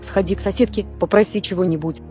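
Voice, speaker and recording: A woman's voice: mid-range voice, steady tone, fast talker, over music, lightly acted. A woman reading as a hungry, whiny little boy. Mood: whining. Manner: whiny, resentful. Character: hungry, angry five-year-old village boy.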